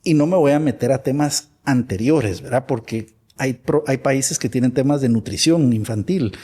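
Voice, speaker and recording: A Guatemalan man appears as a guest expert in a conversational interview, speaking at normal speed in a medium-pitched, dark, slightly rough voice. He talks animatedly and acts out imagined dialogues.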